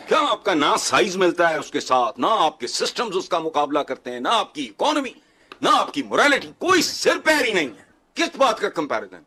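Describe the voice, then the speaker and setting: A man on a television talk panel, delivering a scornful, sarcastic rant. His voice sits a little high and swings widely as he mocks and scolds. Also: a bit bright. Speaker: talk show guest. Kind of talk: heated TV panel commentary.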